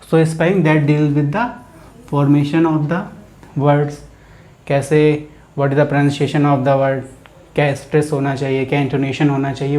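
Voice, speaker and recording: A man's voice: a little high, a little mellow. A man with an Indian accent teaching a grammar lesson, explaining step by step and answering his own questions. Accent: Indian English.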